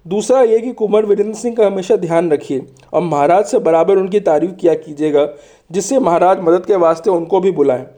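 Storybook spy, male narrator playing him, respectful and shrewd, mellow high register. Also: natural voice. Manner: polite, persuasive, respectful. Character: courteous, shrewd male spy, deferential strategist.

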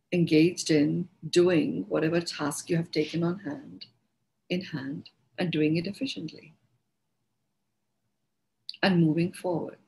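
A woman with an Indian accent hosting a podcast, talking through ideas in an unhurried, reflective way and often restarting words as she finds her phrasing. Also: fairly low pitch, darkish tone, rough recording. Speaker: podcast host and speaker on personal growth. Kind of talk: reflective spoken teaching.

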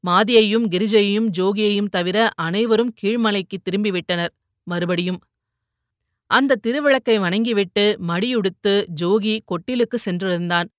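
A woman narrating a novel in an even, measured reading voice. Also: mid-range voice, no echo, clean studio sound. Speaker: audiobook narrator.

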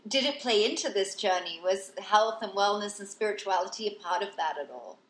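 A woman's voice: medium pitch, animated, a little fast. A woman hosting a conversational interview, affirming and encouraging her guest as she puts questions. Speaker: interview host. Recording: roomy, echoing sound.

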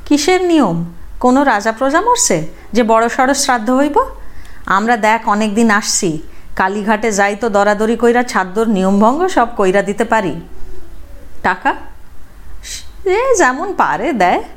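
Woman reader as scolding old aunt, higher pitch. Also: animated, unhurried, long pauses. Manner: blunt, scolding. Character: sharp-tongued elderly woman, tenant's mother.

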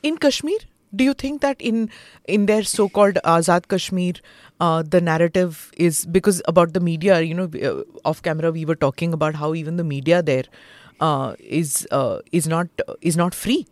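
A woman's voice: on the low side, moderate pace, darkish tone, no echo. A woman with an Indian accent hosting a conversational interview, moving between English and Hindi.

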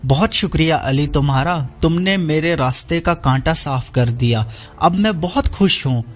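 A man's voice: a little high, normal speed, faint music behind, natural voice. A man voicing a scheming young woman villain who talks in a sneering, taunting way. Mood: smug scheming.

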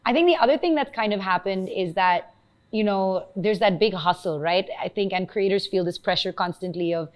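A woman's voice: mid-range voice, normal speed. Indian woman hosting a conversational interview. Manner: affirming, thinks aloud in long questions, slips into Hindi phrases. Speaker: interview host.

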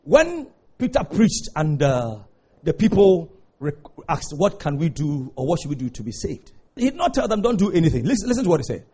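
A pastor preaching a sermon, urging and repeating himself, breaking into shouts. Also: male voice, on the high side, big pitch swings, brisk, slightly rough. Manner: exhortative preaching, repeating phrases, bursts of shouting.

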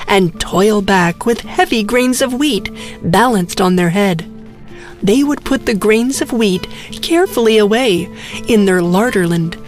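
A woman narrating a scripted bedtime story for children. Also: a little high.

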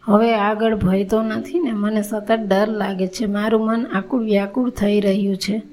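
A woman's voice: mid-range voice, flat delivery, a little slow, darkish tone, close to an everyday voice. A woman voicing a fearful, anxious old male monk who asks worried, pleading questions in a storybook tale.

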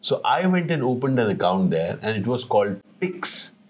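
Animated Indian male interviewer, noisy background. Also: medium pitch, normal speed. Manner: reactive, switches between English and Hindi. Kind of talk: casual conversational interview.

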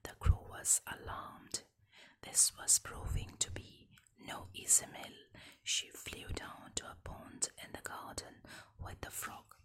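In this whispered ASMR session, a woman tells folk tales and fables. Her reading is soft, slow and gently whispered throughout.

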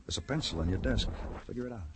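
An actor playing a dogged, hard-boiled detective in an old radio crime drama, terse and clipped. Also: male voice, on the low side, animated, fast, heavy background noise, lightly acted. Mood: businesslike.

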